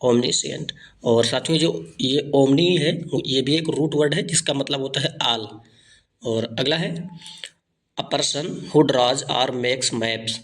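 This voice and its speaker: A man teaching vocabulary for exams in Hindi, reading each phrase slowly, then explaining it and repeating the answer. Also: medium pitch, a bit bright. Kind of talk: exam-prep lesson.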